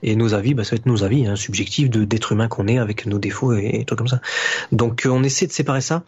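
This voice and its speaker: A man's voice: mid-range voice, quick pace, a little mellow, breathy edge. A man speaking as a podcast guest, explaining his views at length with frequent fillers and restarts. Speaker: guest YouTuber analysing anime. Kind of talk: casual podcast discussion. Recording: dull lo-fi recording.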